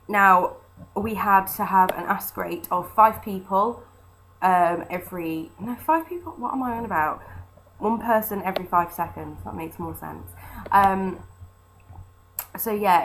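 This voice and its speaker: A woman's voice: on the low side, unhurried, a bit bright, poor audio. A British woman talking informally about her own experiences in a chatty, conversational way, thinking aloud as she goes. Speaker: former street fundraiser. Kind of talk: casual informal monologue about personal work experience. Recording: noticeable background noise.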